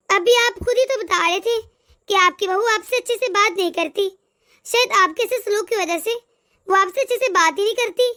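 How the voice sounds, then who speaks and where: A woman voicing a kind, wise middle-aged mother-in-law in a cartoon, who gently reasons and lectures. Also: very high-pitched.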